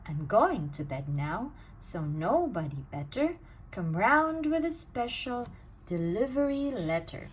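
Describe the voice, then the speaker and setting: A woman voicing a sleepy old man who keeps a drawbridge, talking slowly and low. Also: big pitch swings, muffled recording, a little hiss or hum. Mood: drowsy.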